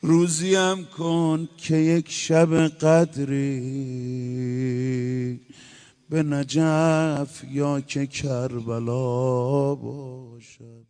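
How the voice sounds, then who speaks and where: A man's voice: fairly high pitch, level tone, mellow, smooth. A man delivering a chanted mourning eulogy, moving between emotional storytelling and sung lament. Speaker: religious eulogist.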